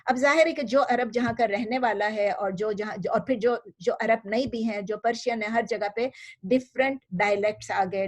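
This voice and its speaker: Woman teaching history in casual mixed Urdu. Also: medium pitch. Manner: conversational, mixing English words into Urdu, many restarts and fillers; asks the class questions and answers them. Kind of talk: informal online lecture.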